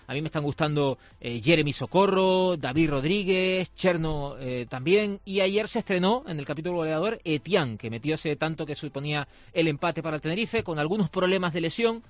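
A man giving a radio sports report in a brisk, informative way. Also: a little high, lively intonation, no echo. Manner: brisk, informative delivery with fillers.

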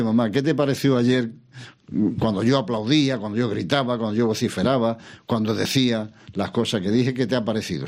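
An older man answering interview questions about politics in a measured, reflective way, pausing and restarting, asking himself questions. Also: lowish voice, darkish tone. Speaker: interview guest, former regional president.

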